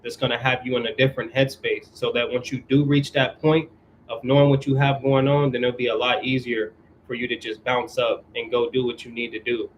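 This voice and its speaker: A young man hosting a casual chat on his channel, giving viewers advice in a relaxed way and repeating his key points. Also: medium pitch, brisk, slight background noise, low-quality recording. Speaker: YouTube host answering viewers.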